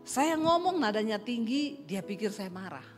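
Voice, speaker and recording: A middle-aged woman pastor with a Sulawesi accent, preaching a lively, joking sermon to a congregation. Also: on the high side, moderate pace. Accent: Sulawesi Indonesian. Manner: animated, joking, teasing the congregation. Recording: reverberant hall with faint music.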